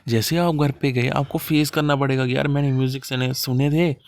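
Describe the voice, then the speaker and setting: A chatty man who coaches students for exams gives a casual classroom explanation of idioms, going step by step, answering questions he raises himself, and staging little dialogues. His mid-range voice stays fairly even in intonation and moves a little fast, with no room sound.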